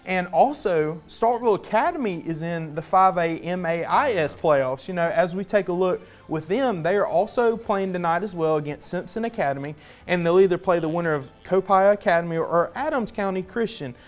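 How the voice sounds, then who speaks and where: A man's voice: high voice, lively intonation, brisk, few pauses, faint music behind. A young man, anchoring sports on a student newscast in an upbeat, chatty way. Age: young adult. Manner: chatty, upbeat, casual fillers.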